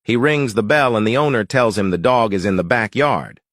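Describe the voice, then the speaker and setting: A man's voice: fairly low pitch, lively intonation, brisk, a bit bright, dry recording, studio quality. A man narrating a joke as a short story.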